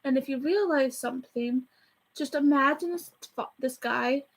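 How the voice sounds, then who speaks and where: A YouTuber with a high voice reviews a movie facing the camera, rambling fast in a chatty, rushed, self-deprecating way. The recording is low quality, with a little hiss or hum.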